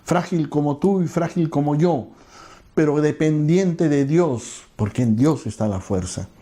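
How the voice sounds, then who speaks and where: A man preaching as a pastor, telling a personal story earnestly and leading into a hushed prayer. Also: a little high, unhurried. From Peru.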